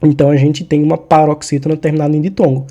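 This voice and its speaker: Brief: male tutor, somewhat high voice, very mellow and soft-edged, casual and friendly, often checks in with listeners. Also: little pitch movement, fast. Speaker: exam-prep Portuguese teacher. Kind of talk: casual explanatory lesson.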